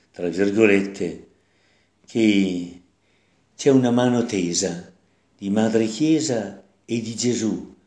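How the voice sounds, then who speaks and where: A man delivers a sermon as a priest, reading scripture and then reflecting on it. He speaks at a very slow, deliberate pace and circles back over his own phrases. The recording carries the echo of a church room. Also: fairly low pitch, mellow.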